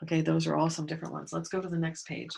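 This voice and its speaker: A woman's voice: low-pitched, completely flat delivery, very fast, vocal fry, noisy background. A woman teaching a grade school grammar lesson to pupils at home, patiently explaining step by step and spelling out letters.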